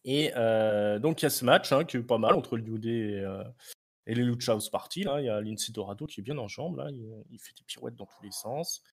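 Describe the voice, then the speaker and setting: A man's voice: medium pitch, a little fast, slightly rough. A man co-hosting a wrestling podcast, casually recapping a match with lots of hesitations and fillers. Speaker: podcast co-host.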